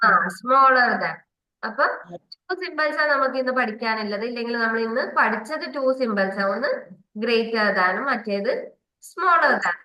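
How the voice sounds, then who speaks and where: Bright-voiced patient kindergarten teacher. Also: female voice, fairly high pitch, animated, echoey room, poor audio. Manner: patient, coaxing, repeats questions slowly. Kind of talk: online maths class for young children.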